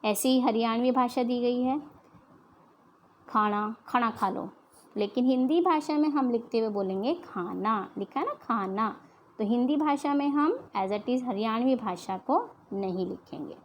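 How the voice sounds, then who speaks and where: A young woman teacher with a Haryanvi accent gives a school lesson from home, her voice sitting a little high. She explains patiently, asks her pupils rhetorical questions and slows down to spell out each example. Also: muffled recording, slight background noise. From India. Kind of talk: online Hindi grammar lesson.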